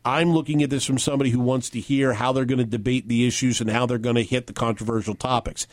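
A man co-hosting a talk radio show, explaining politics in a steady, measured way. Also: medium pitch, no echo.

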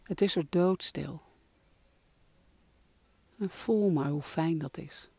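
A meditation guide with a mellow, creaky voice speaks very slowly and softly. The delivery is calming and breathy, often sinking toward a whisper, as in a guided relaxation. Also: medium pitch, no room sound.

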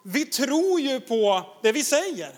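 Man, very high voice, enthusiastic preacher, exhorting, laughs often, sermon. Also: sing-song. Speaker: pastor.

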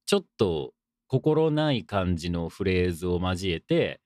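A man's voice: low voice, sing-song, a little slow, a little mellow, no echo, studio quality. A young man hosting a casual solo radio talk show, reading listener letters with loose, rambling, self-deprecating asides and a playful mock-formal tone. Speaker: podcast host.

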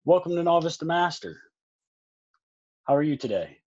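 A man's voice: on the high side, sing-song, normal speed, darkish tone, no room sound, lo-fi sound. A male podcast host who introduces his guest and chats in a laid-back, encouraging way. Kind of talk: casual interview chat.

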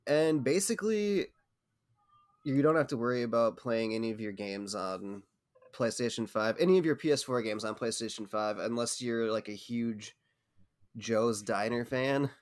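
A man's voice: medium pitch, normal speed. A man hosting a gaming news podcast, upbeat, reading out stories and laughing often. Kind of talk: casual chat.

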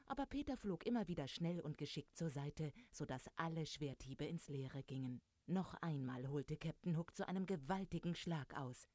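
Low-voiced woman reading a children's story. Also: no echo. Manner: lively, addressing young listeners directly.

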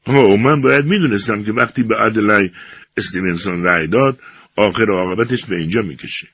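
A man voicing an angry cowboy father who shouts his orders. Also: on the low side, breathy edge, dry recording, studio quality, pitched above the performer's own voice.

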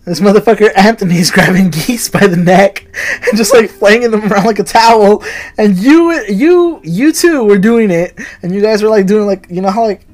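A man's voice: sits high, normal speed. A young man co-hosting a podcast, telling a rambling story with lots of swearing and acted-out quotes. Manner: animated, swears a lot, acts out quotes. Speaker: podcast co-host. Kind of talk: casual chat, rambling storytelling.

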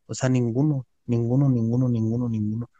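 A man with a Mexican Spanish accent spins a story in relaxed chat, his voice mellow and dark at an ordinary pitch. He talks in slang and hammers points home by repeating words. The sound is dry and close, with little room around it. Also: brisk, dry recording, lo-fi sound. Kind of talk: casual storytelling.

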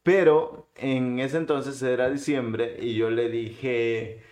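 A man's voice: mid-range voice, fairly even intonation, darkish tone. A man with a Mexican Spanish accent telling a story in a casual, joking chat. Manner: joking, slow storytelling with laughs.

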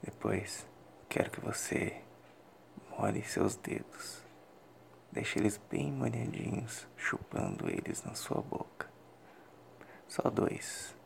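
In a whispered role-play, a man with a Brazilian accent gives an adult listener slow, deliberate, intimate instructions in a breathy close whisper. His voice sits on the low side with wildly swooping pitch, and there's a little hiss or hum.

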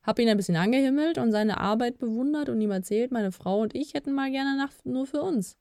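A woman's voice: on the high side, a little fast, darkish tone, no room sound, studio quality, voice pushed up, lightly acted. A woman voicing a fussy, self-important male elf who talks with pompous airs, in a storybook reading. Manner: pompous, rising and sheepish.

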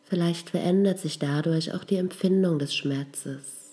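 Woman, guided meditation, low mellow voice, soft and breathy, very unhurried, music behind. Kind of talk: guided healing meditation, slow and soothing.

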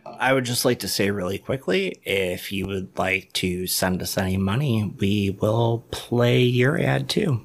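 A woman's voice: rumbling low, a little slow, vocal fry. A woman co-hosting a podcast, chatting casually in a wry, blunt way. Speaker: podcast co-host.

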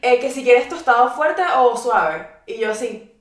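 Woman podcaster chatting and telling stories, fairly high voice, echoey room. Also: expressive. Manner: chatty storytelling with quick asides. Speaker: podcast co-host. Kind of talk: casual chat.

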